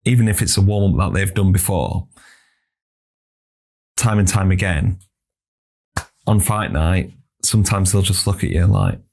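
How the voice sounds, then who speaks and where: A man's voice: deep voice, lively intonation, a little slow, gravelly, pauses often, darkish tone, a little hiss or hum. A man hosting a podcast as a sports scientist and strength coach, giving reflective advice and repeating words as he thinks. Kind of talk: casual podcast chat. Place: podcast studio.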